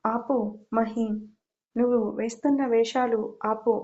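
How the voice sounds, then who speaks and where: A woman's voice: a little high, steady tone, normal speed, mellow, natural voice. Lady reading an angry young guy, harsh threats, mellowish voice, bit lo-fi. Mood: furious. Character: furious young man guarding his grieving father.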